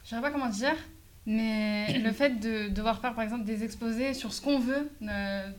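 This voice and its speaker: A teenage girl, a high school student, answering interview questions in a chatty way, full of fillers and restarts. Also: moderate pace. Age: teens.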